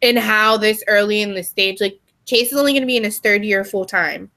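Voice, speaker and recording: In a casual podcast conversation, a young female co-host talks emphatically, filling her speech with fillers. Her mid-range voice sounds pushed and bright, and she talks fairly quickly.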